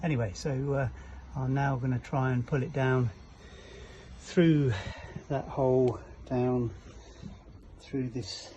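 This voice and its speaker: Slow and mellow, with a steady medium-pitched voice, the presenter of a boat fitting shop's how-to videos does an informal DIY walkthrough aboard a small cabin motorboat. He sometimes hesitates to find his words as he works, and the camera recording is dull and lo-fi with slight noise.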